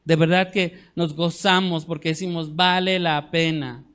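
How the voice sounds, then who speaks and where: Man, church class teacher, earnest, slightly high-pitched, checks in with listeners. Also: steady tone, a bit bright, clean tone. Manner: earnest, keeps checking in with listeners, slows to stress scripture.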